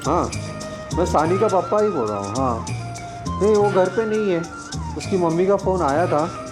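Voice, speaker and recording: A calm father, played by a man, giving short, even replies over the phone. Loud music sits behind his voice. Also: high voice, unhurried. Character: calm middle-aged father.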